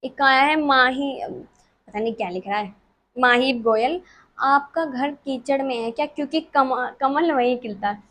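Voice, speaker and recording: High-voiced chatty young woman. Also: measured pace, fairly bright tone. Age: 20s. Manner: chatty, giggly, self-mocking. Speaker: vlogger answering follower questions. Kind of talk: casual chat. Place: her bedroom by the wardrobe.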